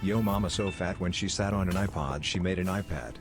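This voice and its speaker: A man telling jokes in a deadpan, measured way, delivering setups and punchlines as a comedian. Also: deep voice. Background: music.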